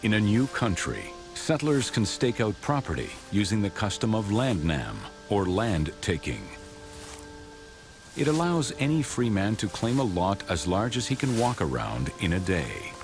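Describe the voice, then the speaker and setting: A man giving scripted documentary narration in a deliberate, expressive storytelling delivery over background music. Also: fairly low pitch.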